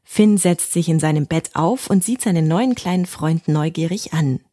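Storyteller: woman, gentle bedtime reading, husky tone, dry close mic. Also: low voice, normal speed, no room sound.

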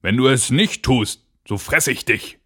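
A man's voice: medium pitch, measured pace, pushed and bright, breathy edge, pitched above the performer's own voice. A man voicing a sly, wicked wolf in a fairy tale reading, coaxing in a put-on sweet voice. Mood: threatening.

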